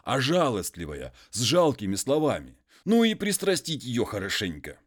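A man doing a high, pleading peasant. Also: huge pitch swings. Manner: folksy, drawn-out pleading speech.

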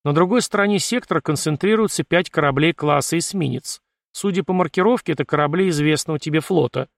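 A man's voice: a little high, fast, vocal fry, dry recording, voice pushed up. A man voicing a wry, sarcastic male ship artificial intelligence in an audiobook, with a dry, mocking, matter-of-fact delivery.

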